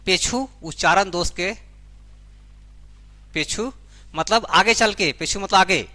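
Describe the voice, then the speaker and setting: A man teaching a class, speaking. His voice is bright and sits a little high. He dictates slowly and repeats each phrase so his students can take it down. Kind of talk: dictating a language lesson to a class.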